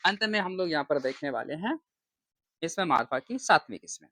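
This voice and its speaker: A man's voice: a little high, lively intonation, pushed and bright, dry recording. Man teaching grammar in a dry room. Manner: asks himself questions and answers them, repeating key terms; slow, drawn-out stress on terms while writing. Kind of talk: classroom-style grammar lesson.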